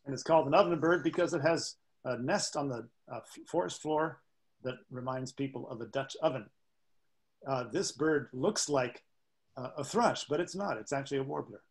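A man with a mid-range voice gives a seminar on songbirds in a halting, informal lecture style, full of fillers, and imitates bird songs aloud. The recording is rough.

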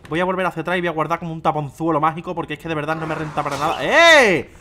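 A young man with a Spain Spanish accent giving casual, excitable gaming commentary, swearing and talking to his viewers. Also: a little high, racing, a little hiss or hum. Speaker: gameplay streamer. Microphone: desk microphone.

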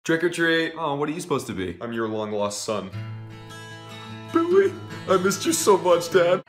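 A performer acting in comedy sketches with exaggerated, expressive delivery. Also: medium pitch, moderate pace, over music.

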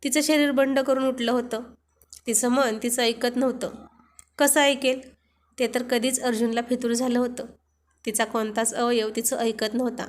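A woman storyteller reading a romantic story aloud in an expressive, steady scripted narration. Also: a little high.

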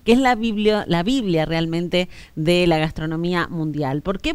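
A woman in her thirties presenting the news from a TV studio, brisk with clear stresses. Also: fairly low pitch, no room sound. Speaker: news anchor.

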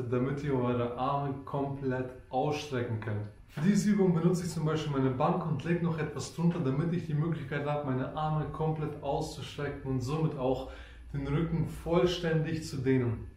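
A man's voice: on the high side, moderate pace, a little mellow, echoey room. A man coaching viewers through back exercises in a home gym tutorial, explaining and repeating the key points. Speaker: fitness coach.

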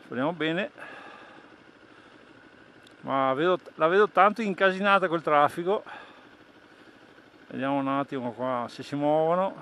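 A motovlogger with a fairly high male voice talks casually to his viewers. He rambles and circles back over the same phrases. The sound comes from an action-camera mic in a helmet outdoors, with some road and engine noise behind him. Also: unhurried, long pauses, a bit bright. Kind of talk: casual vlog chat to viewers. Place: outdoors, on and beside a motorcycle.

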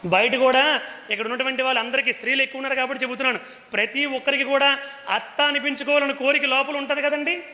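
A man's voice: very high voice, fairly even intonation, fast talker, sharp tone. A man telling a devotional story on stage to a live audience, repeating phrases and asking rhetorical questions. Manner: repetitive, rhetorical questions, addresses audience directly. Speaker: religious discourse speaker. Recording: long hall reverb.

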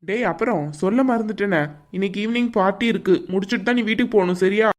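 A woman voicing a cheerful, teasing young man in a cartoon, with a Kanyakumari Tamil accent and a loud, chummy manner. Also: mid-range voice, fast, lightly acted. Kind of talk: cartoon voice acting.

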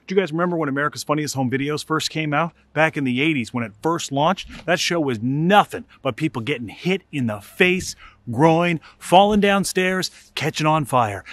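A middle-aged man tells a comic story with lively, animated energy. His voice sits fairly high, and the close mic gives a dry sound with no room echo. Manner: animated, comic, builds to excited outbursts. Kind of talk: casual spoken storytelling.

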